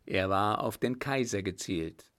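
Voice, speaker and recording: Guy reading an adventure novel out loud, deep and slow, steady. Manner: steady, measured storytelling. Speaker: audiobook reader. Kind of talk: scripted narration.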